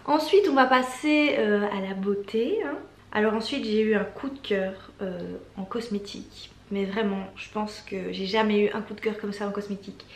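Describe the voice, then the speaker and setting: A woman's voice: medium pitch, normal speed, a little hiss or hum. A young woman in her twenties chatting enthusiastically about her favorite products, with lots of fillers. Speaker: beauty and lifestyle vlogger. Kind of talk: casual product favorites talk. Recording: echoey room.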